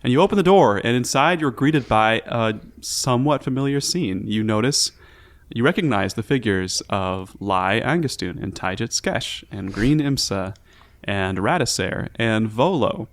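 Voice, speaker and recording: A man's voice: medium pitch, expressive, unhurried. A man narrating a tabletop fantasy game casually as game master.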